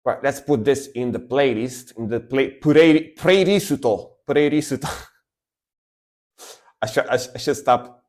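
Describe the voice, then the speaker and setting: A man's voice: medium pitch, steady tone, slow pace, long pauses. Male streamer, enthusiastic, rambling, jokey reaction commentary. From Italy. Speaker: streamer reacting to metal music.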